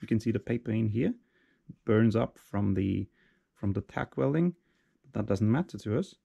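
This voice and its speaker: A young man walks through a metal build from a cluttered workshop, recorded on a camera strapped to his head. His voice sits a little low with a gravelly, creaky edge. He explains each step plainly and casually, with frequent fillers. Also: moderate pace, dark tone, lo-fi sound, a little hiss or hum. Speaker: maker explaining a metal project.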